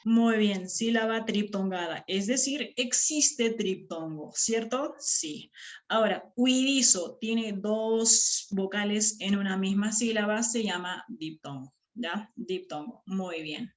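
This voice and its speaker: A woman's voice: medium pitch, takes it slowly. A woman teaching a grammar lesson to her class, stretching words out syllable by syllable and checking in with short questions.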